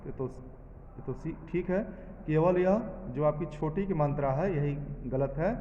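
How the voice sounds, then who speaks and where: A man's voice: fairly high pitch, a little slow, a little hiss or hum. A male teacher taking a class through a lesson, asking questions and answering them himself. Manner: drills students, asking and answering his own questions. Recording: echoey room with long reverb, dull sound.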